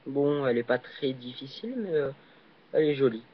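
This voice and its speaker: A young man casually commenting while he plays a video game, hesitant and full of fillers, with sudden excited yelps on jumps. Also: mid-range voice, a little fast. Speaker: gaming channel host. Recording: dull lo-fi recording.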